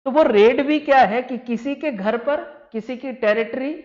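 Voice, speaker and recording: A man's voice: very high voice, a little slow, a little mellow. A male teacher gives a vocabulary lecture, explaining each word patiently and repeating the key terms. He speaks in a roomy, echoey space. The sound is dull and lo-fi. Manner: patient explaining, repeats key words, calls students "beta". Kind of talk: vocabulary lecture for exam students.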